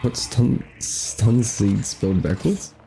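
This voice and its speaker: A man's voice: fairly low pitch, animated, takes it slowly, vocal fry, background noise. A man streaming a game, joking and rambling as he plays. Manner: joking, rambling, mock impressions. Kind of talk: casual gaming commentary.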